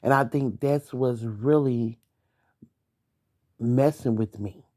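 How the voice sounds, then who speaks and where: A woman's voice: a bass voice, slow pace, mellow. A young adult woman hosting a late-night podcast, venting bluntly about her ex, swearing and talking straight at him. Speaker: podcast host.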